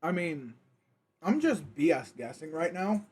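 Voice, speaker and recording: A man's voice: fairly high pitch, sing-song, a little slow, darkish tone, husky. A young man chatting casually on a gaming livestream, thinking aloud with lots of fillers as he reviews a viewer's creation.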